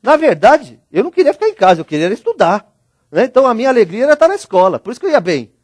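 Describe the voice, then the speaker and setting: A middle-aged man from Brazil giving a motivational talk, telling personal stories in an animated, joking way and speaking straight to the audience. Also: very high-pitched, rapid-fire, no room sound. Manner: animated, jokey, addresses audience directly. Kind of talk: storytelling keynote talk.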